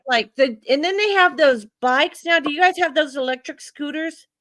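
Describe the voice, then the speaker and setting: A middle-aged woman hosting a casual group chat, telling everyday stories in an animated, frank way. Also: sits high, normal speed, no echo. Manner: chatty, animated storytelling with frank asides. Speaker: livestream host.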